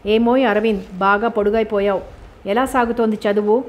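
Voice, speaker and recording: A woman's voice: medium pitch, steady tone, lightly acted. Chatty, teasing middle-aged woman, read by a woman in a storybook. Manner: chatty and quick.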